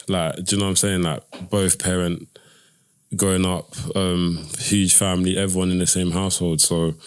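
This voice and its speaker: A man with a very low voice hosts a relaxed interview podcast. He talks in a loose, chatty way, full of fillers and easy laughter. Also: clear, resonant tone. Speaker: podcast host. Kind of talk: casual interview chat.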